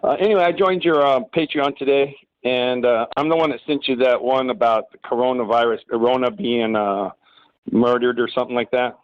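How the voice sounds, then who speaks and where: A man's voice: mid-range voice, brisk, no room sound. Man calling in over a muffled phone line. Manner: rambling with restarts. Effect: heard over a phone line on speakerphone. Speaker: caller. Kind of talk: casual call-in chat.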